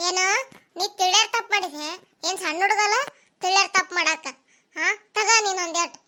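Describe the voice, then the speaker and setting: A woman voicing a sharp-tongued village wife in a cartoon, with a North Karnataka Kannada accent. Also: very high-pitched, fairly quick. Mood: furious. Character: fiery village wife faking her death.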